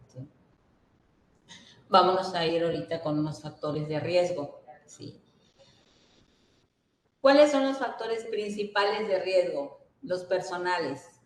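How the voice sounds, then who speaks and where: A woman gives an earnest workshop talk, often checking in with her listeners. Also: on the low side. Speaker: workshop speaker. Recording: roomy echo.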